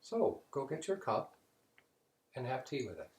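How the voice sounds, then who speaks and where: A man hosting a casual spiritual session, telling stories in a relaxed way. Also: medium pitch, a little slow, echoey room. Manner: relaxed storytelling, joke-telling.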